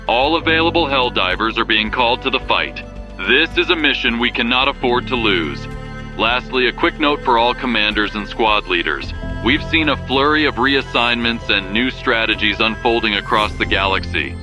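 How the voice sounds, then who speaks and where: A man's voice: medium pitch, lively intonation, moderate pace, natural voice. A man playing a military news anchor, delivering a scripted wartime broadcast in a grave, rallying manner. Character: rousing male military war-bulletin anchor in sci-fi world. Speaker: bulletin host. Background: prominent background music.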